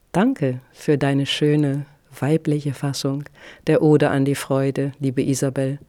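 A woman hosts a community radio program, reading from a script at an unhurried pace. Her voice is mellow and soft, and the recording is dry and close. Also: deep voice, dry recording. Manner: calm, measured reading. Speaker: radio host.

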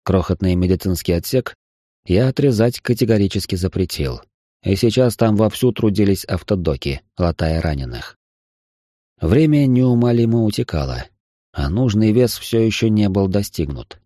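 A man narrating a science fiction audiobook in the first person, steady and measured. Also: on the low side, no room sound, clean studio sound.

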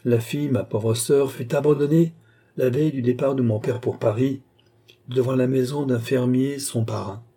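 Man voicing a plaintive young noblewoman, audiobook, very dark mellow tone, husky. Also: mid-range voice, fairly even intonation, normal speed. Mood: sorrowful. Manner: earnest, grave, plaintive storytelling. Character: young woman of fallen noble birth, recounting her grim childhood. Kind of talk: audiobook reading.

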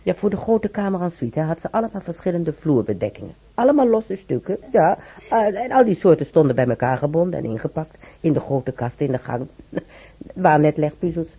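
In a heavily acted, animated turn, a woman speaks a little fast in a deep, mellow voice. Playing a wry, talkative former maid who is now an old hospital patient in a radio drama, she rambles colloquially and mutters to herself, sounding indignant and amused. The old radio recording is clearly noisy.

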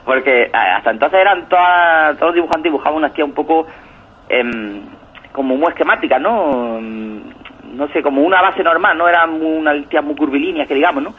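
A man's voice: fairly high pitch, fairly quick, breathy edge. A man rambling enthusiastically about comics on a radio show, often asking "¿no?". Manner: enthusiastic, rambling, keeps tagging "¿no?". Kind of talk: casual radio chat. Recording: tinny phone-like radio audio.

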